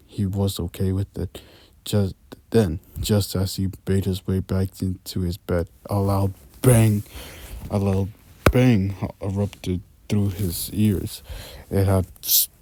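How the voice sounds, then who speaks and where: A low-voiced man reads a creepy story aloud at an unhurried pace, often tripping over words and backing up to fix them. His tone is dark and mellow, recorded close and dry with no room around it. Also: no echo. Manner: stumbling, frequent restarts and asides. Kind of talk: reading a scary story aloud.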